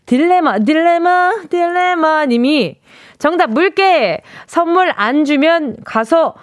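A high, bouncy female radio DJ hosting a listener quiz from the studio. Her voice swings widely as she reads messages and mimics the sounds they describe. The sound is close and dry, with no room echo. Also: expressive, slow. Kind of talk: radio call-in quiz chat. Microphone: studio microphone.

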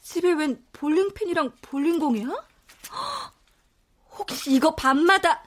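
An actress in her thirties playing a blunt, quick-tempered pregnant wife. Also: high voice. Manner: blunt and exasperated.

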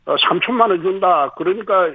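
A man with a high, husky voice explains policy step by step, pausing on "uh" as he lays out each point. He comes through a tinny phone line with a dry, close sound. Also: no room sound. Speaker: city government official interviewed. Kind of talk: explanatory radio interview answers.

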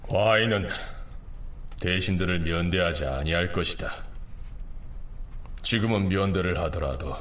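A man's voice: deep voice, lightly acted. A man playing an aging king near sixty who speaks in formal, commanding decree language. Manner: formal royal decree speech.

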